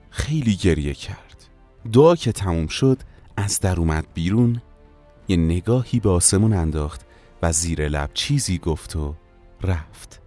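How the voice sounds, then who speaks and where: A man narrating a memorial war story in a slow, solemn storytelling manner. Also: lowish voice, darkish tone.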